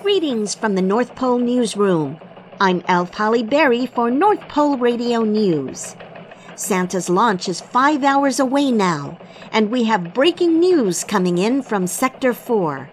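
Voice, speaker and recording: A woman's voice: fairly high pitch, lively intonation, a little slow, slight background noise. A woman playing a cheerful elf news anchor. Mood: bright. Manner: upbeat, polished anchor delivery. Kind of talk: mock radio newscast.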